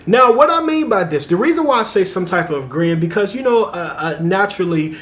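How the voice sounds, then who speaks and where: A young man talking casually to camera in a vlog, giving dating advice in a chatty, animated way and laughing often. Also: sits high, a little fast. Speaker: dating vlogger.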